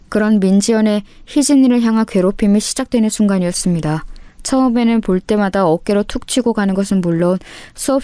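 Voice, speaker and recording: A woman narrating a scripted audio story in a calm, measured way. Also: mid-range voice, no room sound, studio quality.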